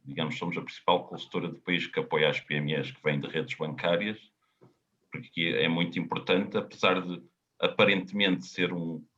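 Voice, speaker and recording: A man with a European Portuguese accent, a consultant answering webinar questions in a halting, explanatory way, often repeating words. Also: deep voice, a bit bright. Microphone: video call. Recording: dull lo-fi webinar audio.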